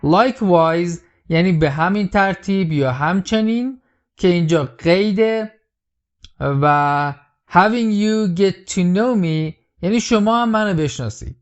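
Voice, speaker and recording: A man teaching English, who repeats film lines slowly and explains them step by step. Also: sits high, lo-fi sound.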